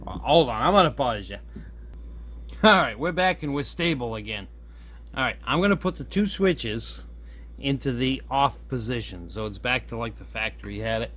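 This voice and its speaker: A man with a medium-pitched voice and moderate pace walks through his hobby radio mod at a workbench indoors, thinking out loud in a laid-back, hands-on way. A nearby tripod camera records the room ambience and a steady hum of background noise.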